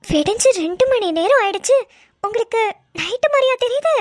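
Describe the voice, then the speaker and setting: A woman's voice: extremely high pitch, lively intonation, fairly quick. A woman voicing a mischievous young wife in a cartoon, sly and speaking in a sugary mock-sweet way.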